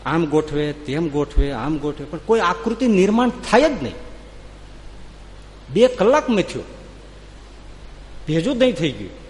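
A man's voice: on the high side, very animated, a little slow, long pauses, a little mellow. A man giving a religious talk, telling a humorous story and acting out its voices, in a reverberant hall. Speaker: religious speaker. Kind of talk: sermon with a told story. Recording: reverberant hall, faint ambience.

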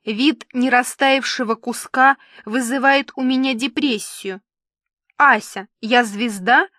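A petulant, pampered male celebrity, voiced by a woman reading a story aloud, whining and fussing theatrically. The voice sits fairly high, and the sound is close and dry with no room around it. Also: slow pace, sharp tone, no room sound, full character voice. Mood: whiny petulant. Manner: whiny, fussy, theatrical complaining. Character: capricious whiny male TV star, pampered and petulant.

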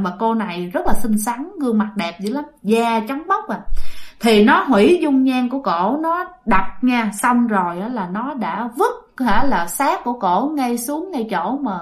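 A woman's voice: fairly high pitch, sing-song, normal speed. A woman with a Southern Vietnamese accent telling a ghost story, chatty and dramatic, addressing her listeners directly. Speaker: storyteller host.

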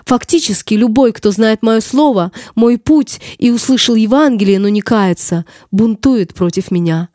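A woman reading the lines of Jesus, a calm, grave male savior, in a solemn, measured audiobook reading. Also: fairly high pitch, dry recording, studio quality, lightly acted.

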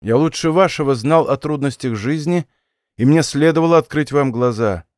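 A man voicing a heartbroken young nobleman who speaks slowly and gravely in an audiobook. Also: a little high, no room sound, clean studio sound, close to an everyday voice. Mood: remorseful. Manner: slow, grave, bitterly measured speech. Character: young nobleman, bitter and heartbroken yet gallant.

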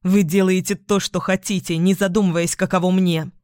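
A distraught young queen, swinging between sobbing pleas and sharp commands, her voice climbing when she breaks. An audiobook narrator acts her out in a dry, close read. The delivery stays mid-pitched between outbursts. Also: fairly even intonation, a little slow, no room sound, close to an everyday voice. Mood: accusing. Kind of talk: audiobook character reading.

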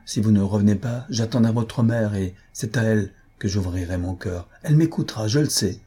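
A man voicing an impassioned remorseful gentleman. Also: lowish voice, a little fast, slightly rough. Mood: pleading. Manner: impassioned, earnest and pleading. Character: impetuous, remorseful young gentleman, pleading. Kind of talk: audiobook reading.

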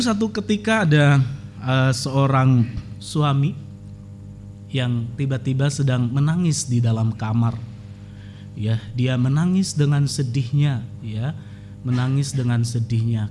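A man's voice: mid-range voice, darkish tone, slight background noise. A man preaching a sermon as pastor, telling a story and then building to emphatic exhortation.

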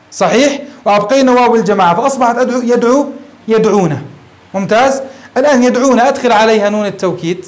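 A sheikh with a voice that sits high lectures a class at a whiteboard, teaching grammar step by step and posing questions to his students. The audio quality is poor.

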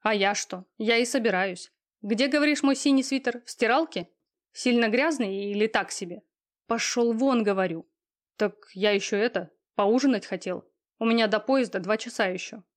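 A woman's voice: fairly high pitch, moderate pace, natural voice. A woman voicing a smug, cold, lazy young man in an audiobook, talking in an offhand, sneering way with coarse slang. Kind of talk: audiobook reading.

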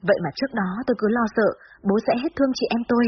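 A woman narrating a story aloud in the first person, in steady storytelling manner. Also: a little high, very fast. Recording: slightly dull recording with faint hiss.

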